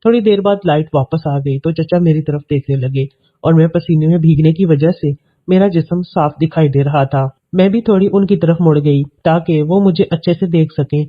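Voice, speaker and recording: A man narrating a scripted story in a steady, even reading manner. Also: fairly high pitch. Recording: tinny, phone-like audio.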